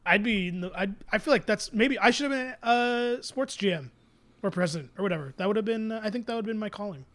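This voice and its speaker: A man's voice: high-pitched, fast, fairly bright tone. A man co-hosting a casual sports podcast, wry and joking. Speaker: podcast co-host.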